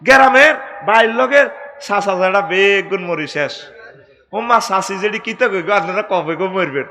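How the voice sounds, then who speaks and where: Man preacher, high voice, very bright tone, comic sermon, sudden shouts. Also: normal speed. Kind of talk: Bangla waz sermon.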